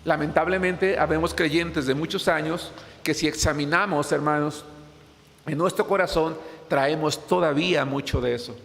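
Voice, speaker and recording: A man with a fairly high voice delivers an earnest sermon, repeating his phrases for weight and turning to his listeners as brothers. His voice rings through a church hall with a long, trailing reverb. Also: normal speed, gravelly, a bit bright. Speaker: preacher.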